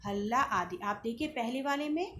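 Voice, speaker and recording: A woman's voice: a little high, expressive, moderate pace, fairly bright tone, slight background noise. A woman teaching a school grammar lesson, explaining patiently, asking questions and answering them herself.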